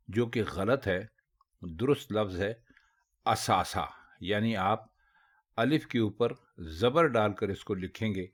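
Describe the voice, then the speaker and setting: A man giving a spoken lesson on Urdu pronunciation. He speaks slowly and carefully, stressing each correct form. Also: fairly low pitch.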